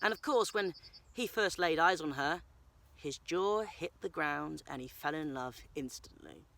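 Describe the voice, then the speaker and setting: Recorded outdoors in the countryside, a man with a fairly high, pushed, bright voice and some vocal fry tells stories as a travel vlogger and presenter. His delivery is animated and theatrical at a measured pace, mixing narration with on-location talk.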